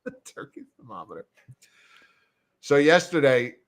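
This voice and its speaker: A man's voice: mid-range voice, normal speed. A man co-hosting a sports talk show, telling a story and acting out both sides of the conversation with frequent laughs. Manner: animated storyteller, acts out dialogue, laughs often. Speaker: podcast co-host. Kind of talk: casual chat.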